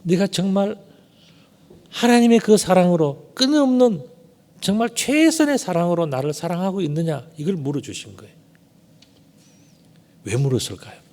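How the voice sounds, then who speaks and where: A man's voice: sits high, lively intonation, normal speed, pauses often, darkish tone. A man preaching a sermon as pastor, asking rhetorical questions and swelling dramatically on key words. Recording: long church hall reverb.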